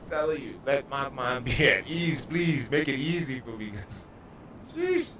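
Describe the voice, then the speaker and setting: A man's voice: mid-range voice, very animated, unhurried, a bit bright, a little hiss or hum. A man livestreaming a video game, telling stories in casual, profane slang. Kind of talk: casual gaming livestream chat. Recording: echoey room, distant mic.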